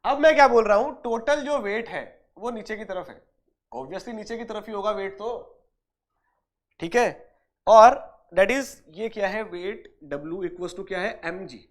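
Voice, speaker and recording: A man's voice: sits high, a little slow. A man teaching an engineering exam-prep class. He asks questions and answers them himself, repeats points, calls students dear and brother, and mixes in English technical terms. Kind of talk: online lecture.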